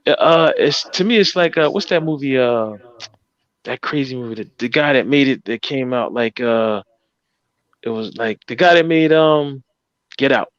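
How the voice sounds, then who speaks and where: A man's voice: medium pitch, normal speed, a bit bright, dry recording. A man co-hosting a casual live show over a video call, rambling and searching for words. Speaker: co-host. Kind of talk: casual chat. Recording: dull lo-fi call audio.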